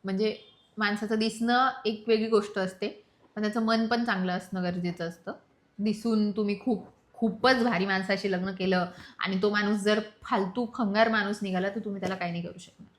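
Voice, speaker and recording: A young woman from Maharashtra, a vlogger, telling her love story in animated casual chat and teasing her husband. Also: medium pitch, a little fast. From Maharashtra, India.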